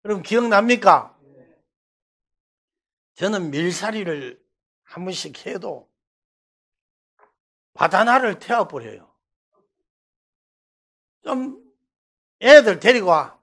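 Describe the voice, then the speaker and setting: A middle-aged male pastor from Daegu, South Korea, with a Gyeongsang Korean accent and a high voice, preaches a revival sermon as an animated storyteller. He swings between loud bursts and hushed asides.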